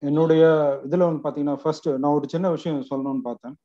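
Middle-aged man with Tamil accent, very fast. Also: on the high side, steady tone. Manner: self-questioning storytelling, switches between English and Tamil. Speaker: guest speaker, retail industry manager. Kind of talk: informal career talk to students. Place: online video call. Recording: dull, lo-fi video-call audio.

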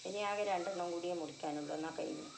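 Casual woman vlogger, chatty and fond, recorded in an echoey kitchen with steady background noise. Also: on the low side, quick pace, creaky. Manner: chatty, talks fondly to a crying cat while cleaning fish. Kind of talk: casual home cooking vlog.

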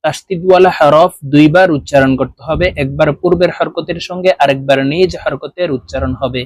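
A man teaching Quran reading in an online lesson, spelling letters out slowly and chanting the words drawn out, then explaining pronunciation rules in quick plain talk. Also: fairly high pitch, dry recording.

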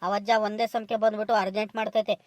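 A woman's voice: medium pitch, flat delivery, darkish tone, no echo, close to an everyday voice. A woman voicing an impatient male farm foreman in a comedy cartoon, scolding in a rural southern Karnataka Kannada accent. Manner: brisk, scolding and bossy. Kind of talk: village comedy cartoon dialogue.

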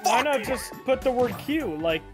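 A man's voice: very high voice, lively intonation, moderate pace. A man playing a party game with friends over voice chat, making dry, blunt jokes. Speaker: guest player. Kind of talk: casual gaming chat with friends. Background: loud game music.

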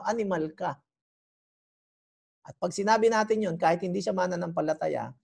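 A woman delivers a sermon in a lively way. She teases people in the pews and keeps throwing questions back at them. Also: a little high, creaky. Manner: animated, teasing, keeps quizzing the congregation. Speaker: preacher. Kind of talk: sermon teaching.

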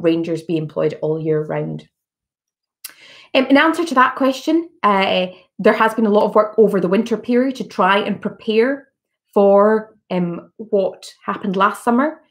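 Scottish woman with a low gravelly voice. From Scotland. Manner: measured, many fillers and restarts. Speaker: politician answering constituent questions. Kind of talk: virtual town hall Q&A. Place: living room at home. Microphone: laptop webcam on a video call.

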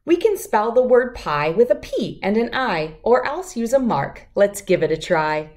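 A children's read-aloud host, middle-aged and mid-range in pitch, shares a rhyming picture book with kids. She reads with care and expression, letting the verses lilt.

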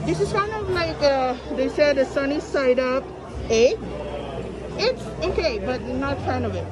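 On a very noisy handheld phone recording, a woman with a high-pitched voice and lively intonation offers unhurried vlog commentary while walking through a buffet. She comes across as chatty and enthusiastic, repeating herself often. The large indoor restaurant is packed, and diners' chatter mixes with background music.

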